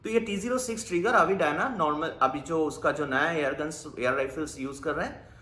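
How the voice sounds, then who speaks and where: A man with a high voice walks through an air rifle's trigger mechanism in a patient, explanatory way. He mixes English technical terms into his talk. His voice rings in an echoey room. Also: brisk, pushed and bright. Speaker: air gun reviewer. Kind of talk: technical product review.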